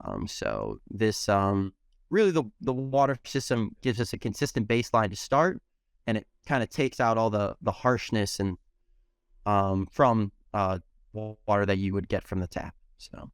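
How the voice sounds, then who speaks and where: A young man who owns a pizzeria, explaining his process in a casual interview, steady and full of ums. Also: fairly low pitch, a little slow, smooth, no echo, clean studio sound. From United States. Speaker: pizzeria owner.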